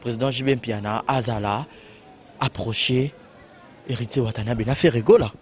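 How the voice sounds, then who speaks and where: A man of middle pitch chimes in quietly from the side of the conversation, asking questions to make sure he has understood. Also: normal speed.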